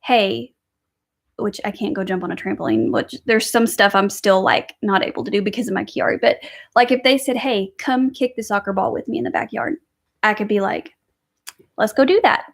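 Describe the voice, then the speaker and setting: A woman's voice: mid-range voice, moderate pace, vocal fry. A woman and mother chatting casually on a home livestream, rambling and reading viewer comments aloud. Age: adult with kids. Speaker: livestream host. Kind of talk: casual live chat.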